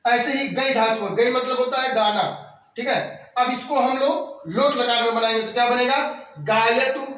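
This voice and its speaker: A man teaching a classroom grammar lesson, reciting verb forms slowly and explaining each step. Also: extremely high pitch, steady tone, fairly bright tone. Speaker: Sanskrit teacher. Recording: echoey room, voice from a distance.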